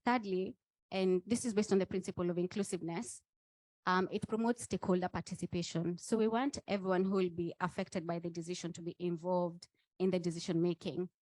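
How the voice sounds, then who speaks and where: Low-pitched woman leading a training. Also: steady tone, brisk, darkish tone, no room sound, rough recording. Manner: didactic, checks in with the room. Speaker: training facilitator. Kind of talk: presenting a training session.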